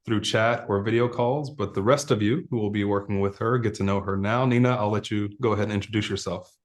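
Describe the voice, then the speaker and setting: Upbeat male host with a lowish voice, casual interview, affirming and encouraging. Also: fairly even intonation, a little fast.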